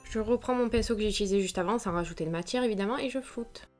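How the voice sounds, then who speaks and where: A woman's voice: mid-range voice, rapid-fire, soft background music. A woman giving a casual, chatty makeup tutorial, talking to the viewer as she works and grumbling at small mishaps. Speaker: makeup vlogger.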